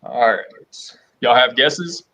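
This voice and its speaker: A man's voice: medium pitch, takes it slowly, bright, forceful tone. A man hosting a casual livestream chat, talking in an informal, folksy way. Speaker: host of a bourbon blind-tasting livestream.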